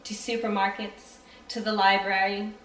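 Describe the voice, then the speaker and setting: A woman reading aloud from her own novel at a live event, chatty in her introduction and steady in the reading. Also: medium pitch, normal speed. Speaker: creative writing student reading her novel. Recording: roomy hall from far off.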